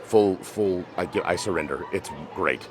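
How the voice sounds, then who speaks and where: A man's voice: deep voice, moderate pace, noisy background. A man vlogging casually from a theme park, chatty and self-deprecating, sounding a bit deflated. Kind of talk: casual vlog to camera.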